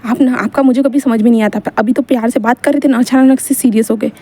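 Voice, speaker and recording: A woman's voice: a little high, fairly even intonation, fast, dark tone, lightly acted. A woman voicing a cheeky young male student who complains in a whiny way, in a storybook reading. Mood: complaining.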